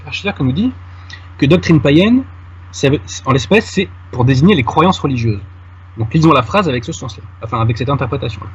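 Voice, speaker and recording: A man's voice: on the high side, slightly rough, dull audio. A man making a detailed argument in conversation with a host, addressing him familiarly. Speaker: guest commentator. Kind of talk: conversational argument on a radio-style show.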